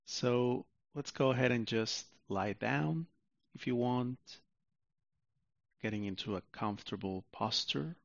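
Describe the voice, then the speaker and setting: Soothing and unhurried, a man reads a guided sleep meditation like a bedtime story, leaving long pauses. His mid-range voice carries some vocal fry, and the muffled recording has no room sound.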